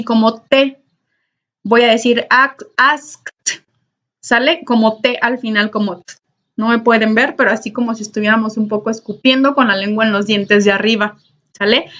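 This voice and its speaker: A woman's voice: fairly high pitch, a bit bright. Patient woman teaching a lesson. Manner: patient, repetitive, checks in with "¿sale?" and "¿ok?". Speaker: English teacher. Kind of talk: recorded online class lesson. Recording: dull lo-fi recording.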